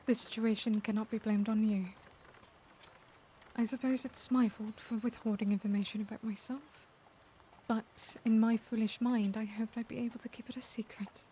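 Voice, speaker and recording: A woman performs an intimate ASMR roleplay as a tender, tormented vampire lady, using formal, old-fashioned phrasing. Her relaxed, dark voice sits on the high side, stays close to an everyday voice, and often slips toward a breathy whisper. Faint-to-clear background ambience plays behind her, with a little hiss or hum.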